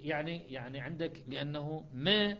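Brief: man, Quran recitation teacher, slightly high voice, dull lo-fi classroom recording. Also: animated. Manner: explains step by step, breaks into slow chanted recitation. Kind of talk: classroom lesson on Quranic readings.

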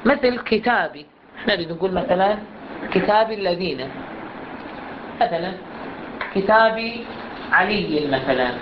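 A woman with an Iraqi Arabic accent teaching Quran recitation in a class, explaining patiently and saying words slowly for students to repeat. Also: mid-range voice. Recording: muffled recording with steady background noise.

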